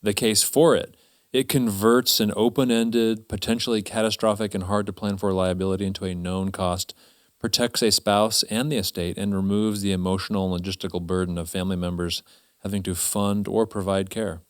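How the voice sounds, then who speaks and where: Male co-host, smooth resonant voice, dry sound, relaxed chat. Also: lowish voice, fairly quick, no echo. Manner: easygoing, short agreements and soft laughs. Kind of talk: casual chat, reading aloud.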